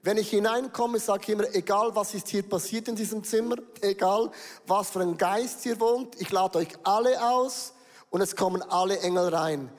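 A pastor preaching a sermon in a high, light voice, speaking to the congregation and often asking them questions. His delivery is lively and direct. The sound carries a long reverb, as in a church hall. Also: normal speed.

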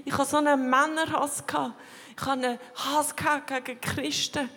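A woman with a Swiss German accent giving an emotional personal testimony in a church hall, in halting, fragmented phrases that repeat words. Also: high-pitched, flat delivery, a bit bright. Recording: long reverb of a large hall.

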